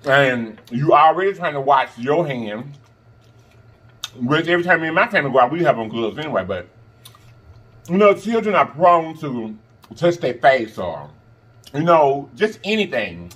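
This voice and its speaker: A man with a somewhat high, husky voice talks casually while eating crunchy fried chicken. He is sassy and emphatic, repeating himself for effect and humming between bites. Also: very animated, normal speed, pauses often, a bit bright. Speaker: mukbang host. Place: indoors in front of a green backdrop at a table of food.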